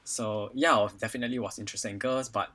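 Fast-talking and forceful, a Singaporean-accented podcast guest in his twenties has a fairly low, bright, steady voice. He chats casually about personal things in a hesitant way, using lots of "you know" and "like".

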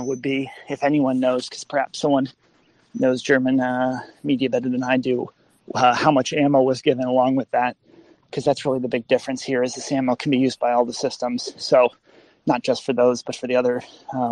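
A man talks over a phone line from his car as he drives, his pitch holding flat and even. His questions halt on fillers. The sound is close and dry, with no room behind it. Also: no room sound. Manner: halting, filler-heavy questions. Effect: phone call from a moving car. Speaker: caller in an online audio discussion. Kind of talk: casual chat.

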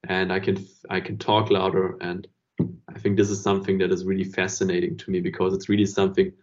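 A man hosting a podcast speaks in a deep, dark, monotone voice at a brisk pace during a casual chat. He wanders through his thoughts reflectively, leaning on "you know" a lot, and the recording is dull lo-fi podcast audio.

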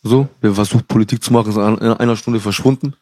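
A man's voice: on the low side, steady tone, fast talker, dark tone. A young man from Cuba, a podcast guest, telling stories in casual slangy talk, calling the host bro. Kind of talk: casual storytelling.

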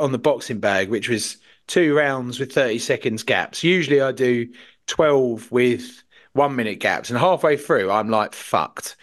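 A man's voice: medium pitch, a bit bright. A British man chatting casually in a blunt, sweary, exaggerating way. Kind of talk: casual chat.

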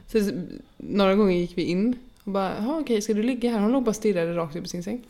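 A woman's voice: mid-range voice, warm tone. A woman in her thirties, chatting casually and telling stories with animation. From Sweden. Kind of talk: casual chat.

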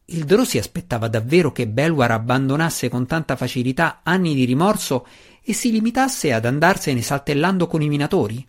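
A man narrating a fantasy audiobook in a measured, even manner. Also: a little high.

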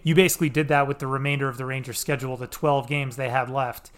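A man's voice: medium pitch, little pitch movement, fast talker, fairly bright tone, clear, resonant tone. Easygoing man hosting a podcast. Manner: easygoing, moderating, rambling with fillers. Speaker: podcast host. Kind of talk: casual sports podcast chat.

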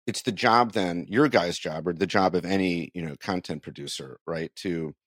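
A man with a deep voice hosts an interview podcast conversationally, thinking aloud and rephrasing his questions as he goes. The sound is clean studio quality with no echo.

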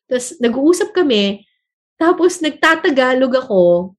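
A woman telling stories in casual conversation, animated and switching between languages. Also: high-pitched, unhurried. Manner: animated, mixes English into Tagalog. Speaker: guest. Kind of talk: casual storytelling.

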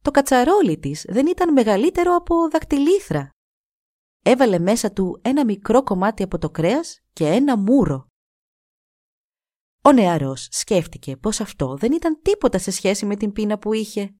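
A woman narrating a folk tale in a scripted, animated way. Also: a little high, no room sound, studio quality. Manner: animated, shifts into voices. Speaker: storyteller.

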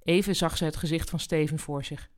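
A woman podcast host reading a story chapter aloud in a calm, even manner. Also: low voice, fairly quick.

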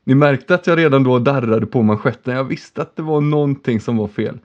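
Man, podcast host, chatty and joking, mid-pitched, slightly dull recording. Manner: chatty, joking, swears casually. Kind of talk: casual podcast chat.

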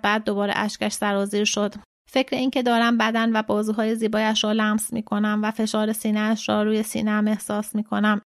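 A woman translator who reads a literary novel aloud in a calm, measured voice. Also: medium pitch, no echo, studio quality. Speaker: translator and reader. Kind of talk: literary audiobook narration.

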